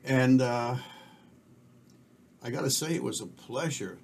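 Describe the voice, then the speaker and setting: A middle-aged man talks casually as a podcast co-host, rambling and sure of his opinions. His voice sits at a middle pitch. A faint hiss runs underneath. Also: unhurried, gravelly. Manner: rambling, opinionated, self-assured. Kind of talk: casual chat.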